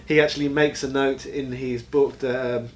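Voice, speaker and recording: A man's voice: mid-range voice, normal speed. Joking man in casual game chat. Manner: playful, jokey, gets excited. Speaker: co-host of gaming chat show.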